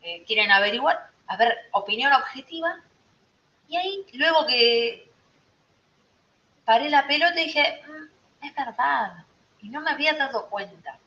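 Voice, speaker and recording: A woman's voice: high voice, expressive, normal speed, pauses often, sharp tone. Rioplatense woman, astrology teacher, chatty lesson style that keeps checking in with the group; echoey room. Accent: Rioplatense Spanish. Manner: conversational, checks in with listeners often. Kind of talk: informal teaching talk to a group. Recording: roomy, slightly dull recording.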